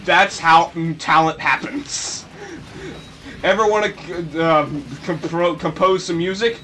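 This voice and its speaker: A man giving casual, goofy gameplay commentary, rambling and breaking into sudden shrill yelps. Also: steady tone, takes it slowly, sharp tone. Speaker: let's play commentator.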